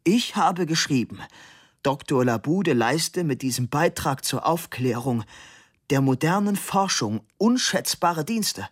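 A man reading an audiobook and voicing a formal, fussy old male literary historian whose stiff speech turns shrill and indignant. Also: fairly even intonation, unhurried, dry recording, studio quality. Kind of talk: audiobook narration.

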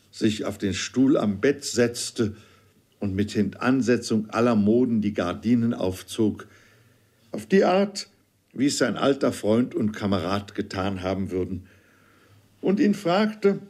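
A man reading a classic novel aloud as narrator, in a measured, unhurried scripted narration. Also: lowish voice, darkish tone. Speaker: audiobook narrator.

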